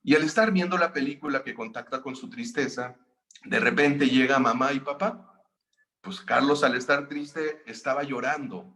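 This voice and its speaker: Mexican guy teaching a seminar, calm storyteller, bright voice. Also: medium pitch, normal speed. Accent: Mexican Spanish. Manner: calm, narrative, explanatory. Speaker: seminar facilitator. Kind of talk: storytelling lecture.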